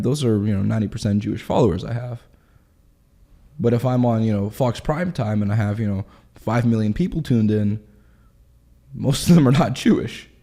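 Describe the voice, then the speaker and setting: A man of twenty, telling his story in a candid interview in quick, animated bursts. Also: on the low side. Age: 20s. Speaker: guest.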